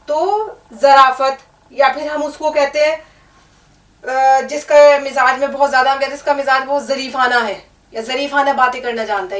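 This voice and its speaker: High-voiced woman teaching Urdu, echoey room. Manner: explains word meanings and spells letters slowly, checks in with the learner. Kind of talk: spoken language lesson. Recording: echoey room, mic at a distance.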